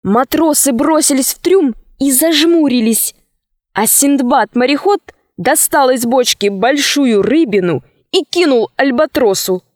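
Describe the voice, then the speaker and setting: Slow, measured woman storyteller. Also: high-pitched, no echo, studio quality. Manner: calm, measured reading. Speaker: narrator. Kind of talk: audiobook storytelling.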